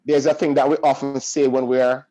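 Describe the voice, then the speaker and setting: A man's voice: medium pitch, level tone, a little fast, rough recording. A middle-aged man, a school principal giving an earnest, reassuring welcome speech to parents over a video call, often repeating and restating himself as a preacher would. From Jamaica.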